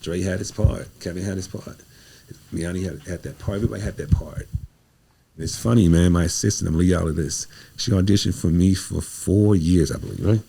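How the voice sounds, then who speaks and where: His voice sits low, mellow and slightly rough, with vocal fry and a brisk pace. The speaker, an American playwright and director on a podcast as a guest, gives motivational conversation in an emphatic, preacherly way, repeating phrases often.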